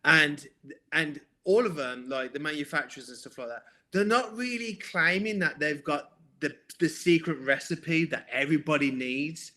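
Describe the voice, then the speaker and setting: A podcast co-host with a bright, sharp male voice that sits a little high for a man. He muses through a point in easy chat and keeps checking in with rhetorical questions. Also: moderate pace. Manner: reflective, asks rhetorical questions.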